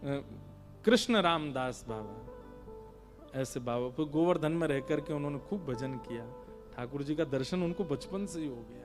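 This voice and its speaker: A high-voiced man tells a devotional story as a preacher, voicing the figures with lively shifts. Now and then he slips into slow, sung lines. Soft music sits far under his talk. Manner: acts out the story's characters in raised, childlike voices. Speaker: Bhagavat katha preacher.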